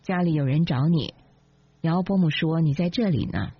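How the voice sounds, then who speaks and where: 一位女性朗读者演绎一个说话尖刻、满含讥讽、醋意十足的年轻妻子，嗓音略带沙哑。. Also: female voice, low voice, normal speed, breathy edge, no room sound. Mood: sarcastic. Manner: sarcastic, cutting. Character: sharp-tongued jealous young wife. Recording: dull lo-fi, dry.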